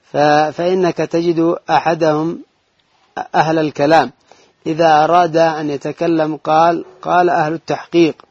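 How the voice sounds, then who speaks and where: A man reading a religious text aloud in a lesson, in a measured recitation with brief asides. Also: on the high side, level tone, a little mellow, no echo. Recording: dull lo-fi dry recording.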